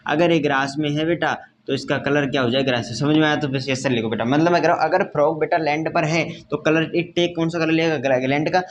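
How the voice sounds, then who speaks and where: During a classroom science lecture at the whiteboard, a man speaks quickly with few pauses in a fairly high voice. He's repetitive, addresses students as "beta," and checks their understanding again and again. There's a little hiss or hum in the recording.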